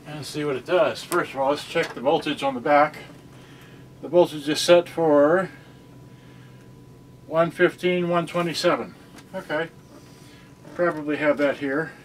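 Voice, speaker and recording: An older man's slightly high voice, with a little hiss or hum, narrates a casual, rambling product demo as he works with gear. He's a product reviewer in a carpeted indoor room, recorded by a camera mic a few feet away while a cassette radio plays loud music.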